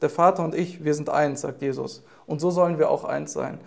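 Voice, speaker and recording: A man giving a sermon in a slightly higher voice. He speaks earnestly and sometimes stops to search for the right words. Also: fairly even intonation, a little fast, creaky, a little mellow. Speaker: preacher.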